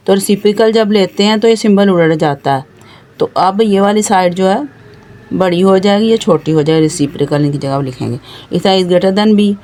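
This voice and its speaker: A woman's voice: mid-range voice, normal speed, dark tone. Patient woman teaching math step by step. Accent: Pakistani Urdu. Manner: patient, stepwise explanation with frequent pointing words. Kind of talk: explaining a math lesson.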